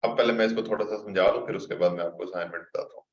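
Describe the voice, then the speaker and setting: A man's voice: lowish voice, fairly even intonation, rapid-fire. A man teaching an online class, patiently reading out students' questions and answering them. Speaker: instructor. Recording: muffled lo-fi recording, roomy echo.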